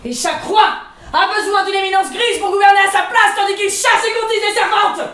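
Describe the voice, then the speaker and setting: A woman's voice: very high voice, fairly even intonation, a little fast, a bit bright. A woman playing an imperious, menacing male prime minister in a historical stage drama, declaiming pompously. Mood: haughty, threatening. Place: theatre stage in Paris. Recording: echoey theatre, distant microphone.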